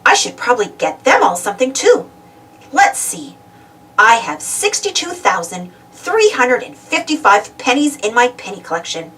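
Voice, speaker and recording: A woman voicing an excitable, self-centred male cartoon duck from a storybook, exclaiming and wondering aloud eagerly. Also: a little high, normal speed, distant mic, slight background noise. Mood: musing.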